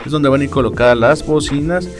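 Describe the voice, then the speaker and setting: A moto vlogger with a Mexican Spanish accent unboxes motorcycle gear and explains it casually, chatting away with lots of slang and filler phrases. He speaks fast in a mid-range voice, with music playing in the background.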